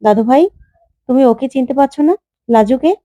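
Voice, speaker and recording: A tender old grandmother, voiced by a woman, who comforts her family in soothing, affectionate words. The voice is mellow, a little high, and recorded dry and close. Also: brisk, no echo, lightly acted. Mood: reassuring.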